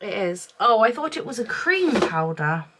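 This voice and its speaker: A woman's voice: medium pitch, sing-song, moderate pace, background noise. A woman vlogger reviewing beauty products in a casual, chatty way, thinking aloud, her voice chesty from a cough. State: chesty from a week-long cough.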